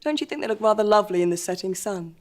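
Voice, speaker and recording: A woman plays a young upper-class mistress in a period television drama. She speaks with an English accent at a medium pitch, languid and haughty. She sounds brazenly sure of herself. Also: expressive, fast, natural voice. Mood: airy, haughty. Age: young adult.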